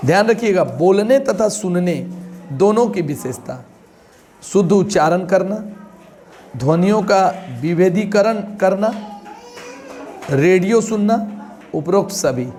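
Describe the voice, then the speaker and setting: A man's voice: high voice, a little mellow. A man teaching an exam-prep class, explaining points with questions and everyday examples.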